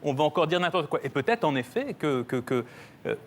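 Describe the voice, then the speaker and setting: A man speaking as a talk-show guest, measured and insistent, careful to set the record straight. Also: on the high side, big pitch swings. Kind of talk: earnest talk-show exchange.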